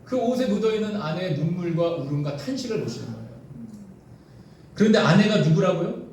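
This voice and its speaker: A pastor preaching a sermon in a church sanctuary, telling a story to the congregation with lots of animation. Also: male voice, high-pitched, animated, fairly quick, a little mellow. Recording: echoey hall from far off, faint noise.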